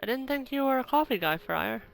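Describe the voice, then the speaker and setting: A woman's voice: sits high, animated, fairly quick, creaky. A woman giving casual, playful, reactive commentary while playing a video game. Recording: game music behind the voice.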